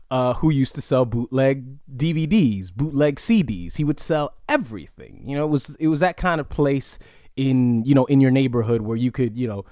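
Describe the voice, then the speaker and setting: A man's voice: medium pitch, warm tone, no room sound, clean studio sound. Rambling New man hosting a podcast. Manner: reflective and rambling, with many "you know" asides. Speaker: podcast host. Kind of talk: casual solo podcast monologue.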